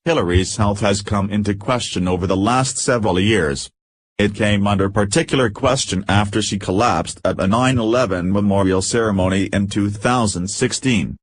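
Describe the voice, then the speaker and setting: A man's voice: on the low side, moderate pace. A man reading scripted narration for a news video.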